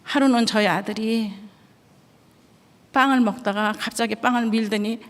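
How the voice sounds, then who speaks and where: A woman's voice: on the high side, steady tone, moderate pace. A middle-aged woman from Korea, a missionary giving an earnest, emotional church testimony. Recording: echoey church hall.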